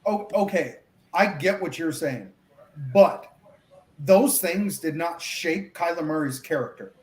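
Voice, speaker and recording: A man's voice: on the high side, measured pace, a little mellow. A man in a casual sports debate, argumentative and often stumbling over his words. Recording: echoey room, faint background hum.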